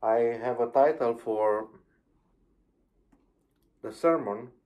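A middle-aged pastor with a Romanian accent preaches a sermon over a video call from a plain room, picked up by a webcam. His mid-range, darkish voice moves slowly, careful and hesitant with frequent ums.

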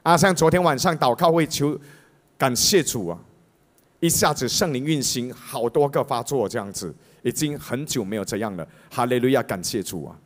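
Animated Malaysian pastor preaching. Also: male voice, medium pitch, normal speed. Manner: animated storyteller, mimics voices. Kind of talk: sermon.

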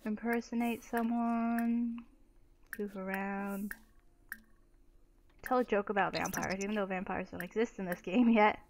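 A woman's voice: mid-range voice, steady tone, measured pace, long pauses, a little hiss or hum. A young woman giving casual, exclamatory commentary while playing a life-sim game, swearing freely. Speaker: let's play gamer.

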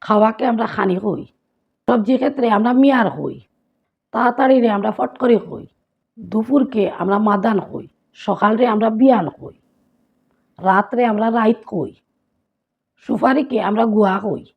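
With a slightly high, breathy voice touched by vocal fry, a woman from Sylhet, Bangladesh, lists local words at a moderate pace, leaving long pauses. Her Sylheti Bengali accent comes through as she repetitively pairs words with their local forms in a laid-back vlog on dialect. It's a lo-fi recording.

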